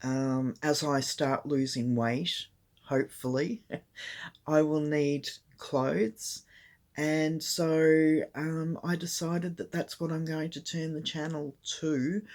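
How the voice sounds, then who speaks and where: Older woman, croaky, rambling host chatting to camera on a tablet. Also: low-pitched, darkish tone. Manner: rambling, full of ums. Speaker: craft channel host. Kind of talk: casual chat to camera. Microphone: tablet camera mic.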